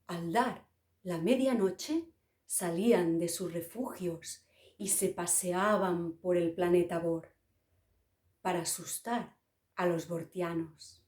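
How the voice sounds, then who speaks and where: A woman reading a story aloud to children in a gentle, expressive storytelling manner. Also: on the low side. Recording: roomy echo.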